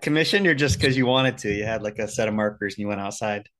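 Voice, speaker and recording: An American man hosts a casual podcast interview, joking and teasing his guests as he asks questions. His voice sits a bit low. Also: quick pace, a bit bright. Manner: joking, chatty, teases guests. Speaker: podcast host.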